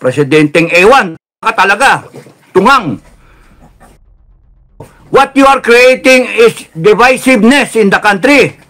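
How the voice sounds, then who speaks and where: A man with a Filipino accent giving a heated political rant, mixing Tagalog and English, swinging from loud outbursts to low, controlled intensity. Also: expressive, takes it slowly, pauses often. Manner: heated, swings between shouting and lowered intensity. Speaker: political commentator.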